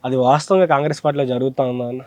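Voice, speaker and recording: A man's voice: mid-range voice, fairly even intonation, rapid-fire, dark tone, no echo. A man interviewing a guest, asking brief questions and murmuring along as he listens.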